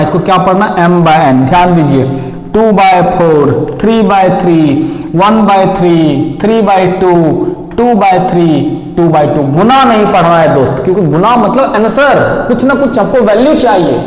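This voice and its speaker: A male math teacher lecturing a class. He keeps asking questions and answering them himself. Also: high-pitched. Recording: echoey room, long reverb.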